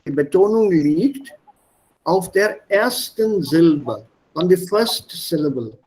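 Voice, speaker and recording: A man teaching German pronunciation in an online lesson, explaining slowly and deliberately and switching between German and English. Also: high-pitched, lively intonation, a little mellow, rough recording.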